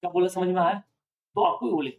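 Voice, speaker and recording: A male accounting teacher lectures a class, frequently stopping to quiz students and make sure they're keeping up. His voice is high-pitched and steady, and he sits far from the mic.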